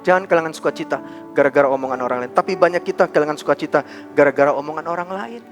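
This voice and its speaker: A male pastor preaching a lively sermon, calling for responses from the congregation and acting out quoted voices. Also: a little high, rapid-fire, faint music behind. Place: church service.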